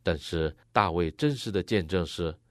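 A man interpreting a sermon phrase by phrase, matching the preacher's expressive delivery. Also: low-pitched, moderate pace, no echo, studio quality.

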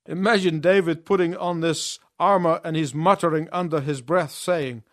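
A man preaching a sermon in short phrases, pausing so an interpreter can translate each one. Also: fairly high pitch, steady tone, no room sound, clean studio sound.

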